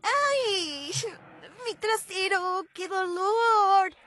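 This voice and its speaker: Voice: extremely slow, heavily acted. An angry neighbor puppet. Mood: angry, pained. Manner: shrill, yelling threats. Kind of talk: fan dub of puppet show.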